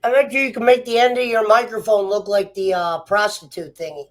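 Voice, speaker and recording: A man's voice: high-pitched, fairly even intonation, fairly quick. A man talking through a voice changer filter that pushes his voice toward a woman's, joking and teasing in casual chat. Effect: voice changer filter shifting his voice toward a woman's.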